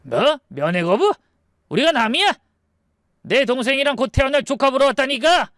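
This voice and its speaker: A loud greedy brother-in-law. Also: male voice, extremely high pitch, very animated, normal speed, dry recording, studio quality, voice pushed up, exaggerated voice. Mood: greedy, shouting. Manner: shouting, demanding.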